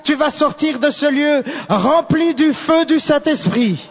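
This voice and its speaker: A man interprets a sermon phrase by phrase and matches the preacher's rising intensity. His voice sits very high. The sound is dull and lo-fi, with long reverb from a large hall. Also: expressive, unhurried. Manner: follows the preacher's rising intensity, small restarts.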